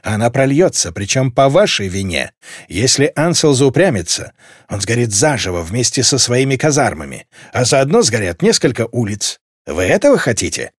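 A man's voice: mid-range voice, very animated, moderate pace, breathy edge, no room sound, studio quality. A man voicing a stern male marshal who gives curt, clipped orders in an audiobook. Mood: commanding.

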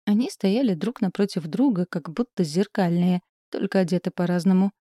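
Lower-voiced woman reading a novel aloud. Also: normal speed, no room sound, studio quality. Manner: expressive first-person reading of dialogue. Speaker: audiobook narrator. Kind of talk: scripted narration.

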